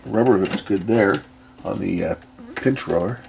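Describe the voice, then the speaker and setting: An unhurried man with a lowish, slightly mellow voice hosts a repair video, talking through the work unscripted. He muses aloud, frequently trailing off or doubting himself, over clear room ambience and background noise.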